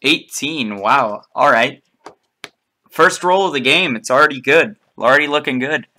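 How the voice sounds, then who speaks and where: A man narrating as game master of a tabletop game, halting and slow, putting formal lines in a king's mouth. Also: mid-range voice, pushed and bright.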